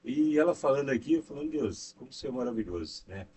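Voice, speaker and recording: Recorded on a distant mic with faint noise, this podcast co-host is a Brazilian man with a Brazilian Portuguese accent. He talks fast and animatedly in a mid-range voice, with crowd noise around him. His casual conversation is devout and rambling, full of fillers.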